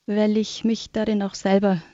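A woman chatting and then reading a Christmas story aloud in a gentle, warm way. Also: mid-range voice, level tone, moderate pace, dry recording. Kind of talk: conversational chat, then read-aloud storytelling. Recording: dull lo-fi dry sound.

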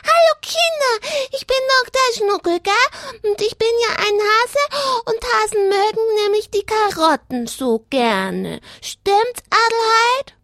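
A woman's voice: very high voice, expressive, unhurried, few pauses, a bit bright, dry recording, studio quality, heavily acted. A woman voicing a cheerful, childlike male rabbit puppet that chatters eagerly like a small child on a children's radio show.

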